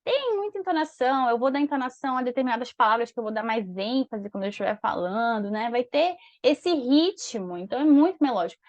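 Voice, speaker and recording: A woman from Brazil teaching an online English lesson, explaining in Portuguese and reading English dialogue lines slowly and clearly. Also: fairly high pitch, lively intonation, no room sound. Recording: dull, dry lo-fi sound.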